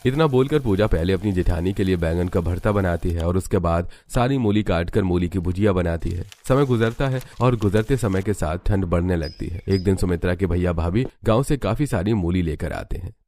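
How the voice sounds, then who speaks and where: Deep-voiced man narrating a cartoon story. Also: a little fast, hardly any pauses, a little hiss or hum. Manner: even, storytelling delivery.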